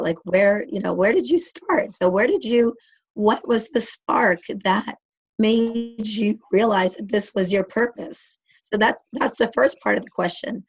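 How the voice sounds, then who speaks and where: A woman co-host with a hoarse, nearly gone voice, talking casually and heartfelt in a halting way, repeating phrases as she interviews. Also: mid-range voice, rough recording. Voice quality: hoarse, strained voice. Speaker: co-host interviewing her partner.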